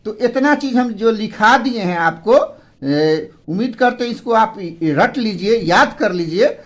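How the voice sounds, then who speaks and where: Slow-talking male teacher. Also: high-pitched, lively intonation. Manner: repetitive, asks and answers own questions. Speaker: English teacher. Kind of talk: classroom pronunciation lesson.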